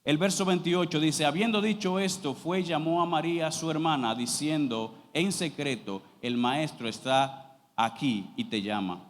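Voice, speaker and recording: A male pastor delivers a sermon in a church, his somewhat high voice carrying a long reverb through the hall. He reads scripture slowly and deliberately, then presses his points with growing emphasis. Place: church sanctuary.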